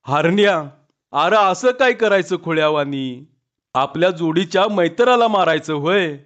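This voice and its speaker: A man's voice: high voice, very animated, normal speed, a bit bright, muffled recording, voice pushed up. A man voicing Tatya, a frantic, tender village man. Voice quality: hoarse, choked with feeling.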